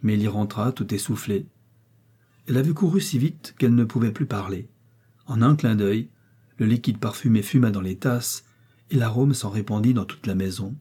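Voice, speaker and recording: Man narrating a novel, dark and husky. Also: fairly low pitch. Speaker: audiobook narrator.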